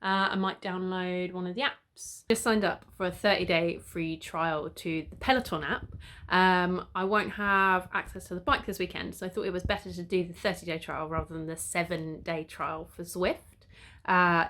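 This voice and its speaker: A woman's voice: on the low side, fairly bright tone. Chatty woman vlogging at home. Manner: chatty, upbeat, laughs often. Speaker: fitness vlogger. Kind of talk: casual vlog chat. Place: home, indoors.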